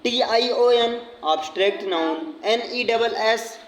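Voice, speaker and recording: A man's voice: very high-pitched, slow. A man teaching an English grammar class, explaining in Hindi mixed with English, spelling words out letter by letter and checking whether the students follow. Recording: echoey classroom with faint noise.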